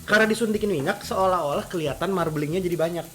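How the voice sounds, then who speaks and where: A man's voice: high voice, quick pace, fairly bright tone. A young man with a Jakarta Indonesian accent hosts a food vlog, chatting casually in slang with teasing banter. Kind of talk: casual chat.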